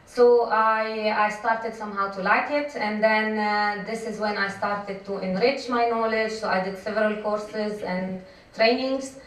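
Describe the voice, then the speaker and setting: A woman's voice: medium pitch, fairly even intonation, a little slow, a bit bright. Hesitant woman in an echoey hall. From Lebanon. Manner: hesitant, many fillers. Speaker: panelist. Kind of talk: conference panel talk. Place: conference hall. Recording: echoey hall, distant mic.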